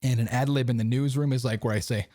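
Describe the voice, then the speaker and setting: A young man rambles through a casual podcast chat in an easy, slangy way. His voice sits at an ordinary middle pitch. The sound is close and dry, with no room echo. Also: steady tone, fast, dark tone. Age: young adult. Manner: laid-back, rambling, slangy, keeps asking "you know what I mean". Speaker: podcast host. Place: home recording setup.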